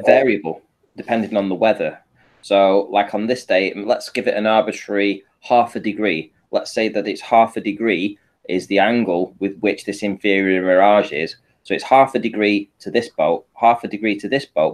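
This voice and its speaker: A male panel guest with a lowish voice speaks at moderate pace, informally presenting a photo analysis. He takes listeners through the images step by step and makes sure they follow.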